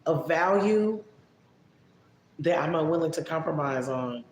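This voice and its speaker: Chatty man in an echoey room. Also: a little high. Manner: relaxed, chatty, drawn-out musing answers. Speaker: vlogger answering viewer questions. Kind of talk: casual live-stream chat. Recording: echoey room with faint background noise.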